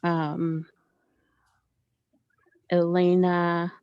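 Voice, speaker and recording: Woman, student, halting, very slow, flat tone, muffled lo-fi sound. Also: fairly low pitch, clean tone, no echo. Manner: hesitant, halting. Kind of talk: retelling in class. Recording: dull lo-fi sound.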